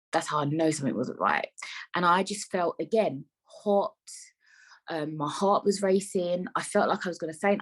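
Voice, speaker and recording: A woman's voice: fairly low pitch, slightly rough, rough recording. A woman, hosting a casual solo podcast and chatting in a rambling way, full of asides to her listeners. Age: 20s. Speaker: podcast host.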